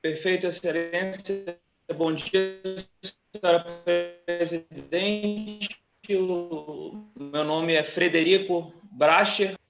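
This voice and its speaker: A lawyer speaking formally in a court hearing over a video call whose connection keeps breaking up and dropping out. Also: male voice, high-pitched, fairly even intonation, extremely slow, music in the background. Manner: polite and formal, addressing the judge. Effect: breaking-up online call that drops out. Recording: muffled echoey video-call audio.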